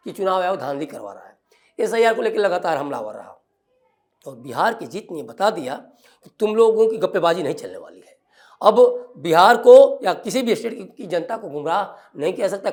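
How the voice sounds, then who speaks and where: A male political commentator on a television news panel. He argues emphatically, piling up points and rhetorical questions in a pointed, forceful delivery. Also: high-pitched.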